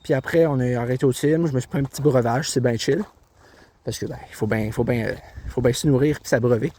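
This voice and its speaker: Talking fast in a mellow, mid-range voice, a young man with a Québécois accent rambles and jokes at his own expense in a casual walking vlog. He films on a handheld tablet along a rural trail next to a river and road, with birds and passing cars faintly audible.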